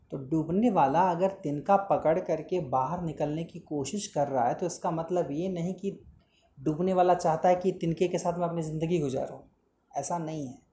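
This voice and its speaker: A woman's voice: low voice, warm tone, a little hiss or hum. A woman teacher reading a story aloud and explaining it, stopping to ask and answer her own questions and to explain word meanings, with English words mixed in.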